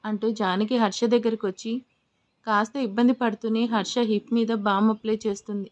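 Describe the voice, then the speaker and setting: A woman narrating a story in a plain, even storytelling manner. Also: medium pitch, fairly quick.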